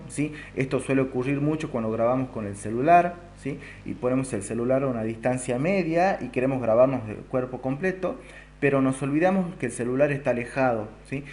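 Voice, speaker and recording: A man's voice: medium pitch, a little fast, darkish tone. Guy teaching a video class up close to the mic, keeps going "¿sí?" after everything. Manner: explanatory, keeps adding a checking "¿sí?". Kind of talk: recorded video lesson. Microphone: close to the recording device.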